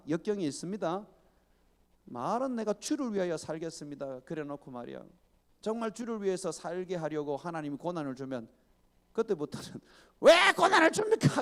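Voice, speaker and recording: A man's voice: on the high side, a little mellow. A male pastor preaching an emphatic sermon with rhetorical questions and chuckling asides. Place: church sanctuary. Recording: long church reverb.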